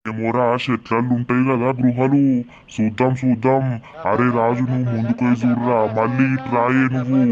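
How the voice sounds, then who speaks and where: A man voicing a calm village man, dull lo-fi sound. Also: mid-range voice, fairly quick, crowd noise, lightly acted. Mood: directing. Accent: Telangana Telugu. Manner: calm, directing others. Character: steady village man organizing the search. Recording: dull lo-fi sound with clear background music.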